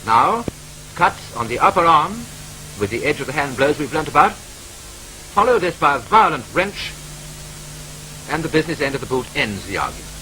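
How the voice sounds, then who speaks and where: Over the faint hiss of an aging film soundtrack and poor-quality audio, a British narrator delivers a wartime training film with clipped, brisk, dryly wry newsreel flair. His voice is fairly high, bright and forceful, with big pitch swings.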